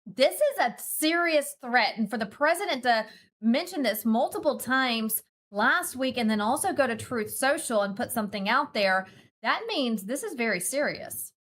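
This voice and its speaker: Higher-pitched female news host. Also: animated, normal speed, fairly bright tone. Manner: direct, pressing questions. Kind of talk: morning news presenting.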